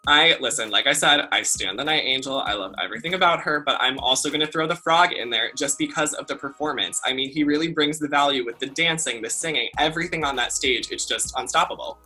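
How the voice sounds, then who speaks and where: A man's voice: medium pitch, fast talker, hardly any pauses, sharp tone, slightly rough. A man co-hosting an entertainment show, chatting casually and gushing as a fan, with music faint behind. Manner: enthusiastic, gushing fan talk.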